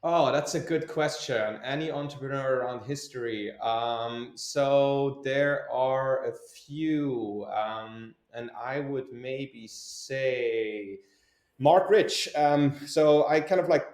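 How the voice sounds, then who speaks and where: Speaking slowly in a mid-range, darkish voice, this young man from Switzerland is an entrepreneur being interviewed as a guest. His answers come haltingly, with lots of fillers and false starts, in an echoey room.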